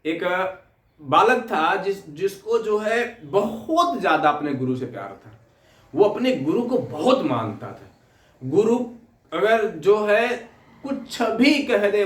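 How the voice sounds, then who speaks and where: An Indian-accented man tells moral tales and urges students on in a fairly high voice. His delivery is earnest and halting, with repeated filler phrases. The recording is echoey, picked up at some distance from the microphone. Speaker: teacher giving a motivational talk. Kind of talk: moral storytelling and exhortation to students.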